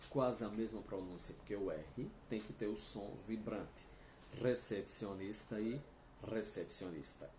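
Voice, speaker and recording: Brazilian man, Spanish teacher, live class, very slow delivery, low mellow voice, echoey room, faint background noise. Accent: Brazilian Portuguese. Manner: slow, patient explaining with frequent "tá?" and "né?" checks. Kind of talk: live online language class.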